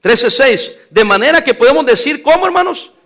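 A man's voice: very high voice, expressive, moderate pace, bright, forceful tone. A male pastor preaching a sermon, emphatic, posing call-and-response questions to the congregation and making teasing, scolding asides.

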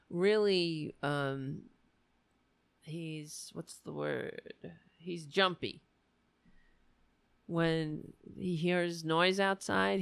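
A woman hosting a live stream, chatting casually and haltingly as if thinking aloud. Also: low voice, creaky, no room sound. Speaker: host of a political live stream. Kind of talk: casual livestream chat.

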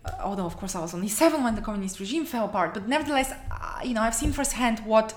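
A woman's voice: on the high side, animated, rapid-fire. A woman, answering interview questions earnestly and passionately, often restarting her phrases. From Bulgaria. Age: 30s. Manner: passionate, many restarts and "you know". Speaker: interview guest, activist. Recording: echoey room, faint noise.

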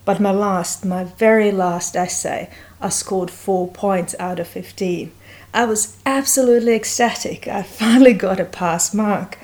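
Reading aloud a prepared personal story, a middle-aged Bosnian woman who works as a senior lecturer keeps a measured pace with occasional hesitations. Serbian and Croatian are her first languages, and her mid-range voice is slightly mellow.

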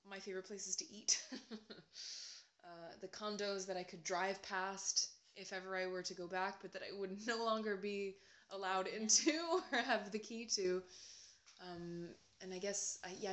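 A woman's voice: mid-range voice, fairly bright tone. Young woman, American accent, casual chat, rambling, laughs a lot. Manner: rambling, self-deprecating, laughs often.

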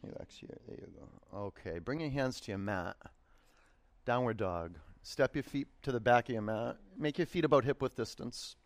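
A man teaching a yoga class, giving unhurried, encouraging and informal instructions, often gently repeating his cues. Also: mid-range voice, no echo.

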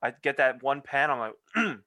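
A man's voice: medium pitch, big pitch swings, measured pace, pushed and bright, no room sound. A man in casual chat, laid-back and joking, swearing casually.

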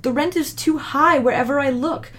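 Lady doing a desperate dad tenant begging, voice pushed high. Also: moderate pace, a bit bright. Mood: pleading. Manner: pleading. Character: desperate pleading male tenant, a father.

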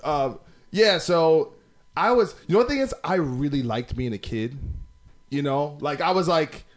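A man's voice: on the high side, lively intonation, moderate pace. An American man in casual comic chat, riffing with slang, swearing and repeated phrases. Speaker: podcast panelist.

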